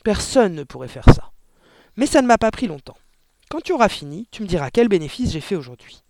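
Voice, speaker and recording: A man's voice: sits high, very animated, a little fast, gravelly, heavy background noise, pitched above the performer's own voice, heavily acted. A man voicing a boastful, bullying middle-aged father in an audiobook story. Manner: bragging, then shouting in anger.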